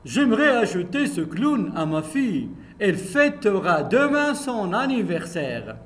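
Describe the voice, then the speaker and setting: A man doing a calm, slow-speaking father. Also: high-pitched, full character voice. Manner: slow, measured. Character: calm, gentle father of a little girl.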